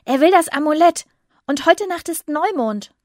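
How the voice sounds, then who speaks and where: A woman's voice: high voice, expressive, moderate pace, no room sound, clean studio sound, pitched above the performer's own voice. A woman doing a spirited young witch girl. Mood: determined. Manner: spirited, chanting rhymes. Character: bold young witch girl casting rhymed spells.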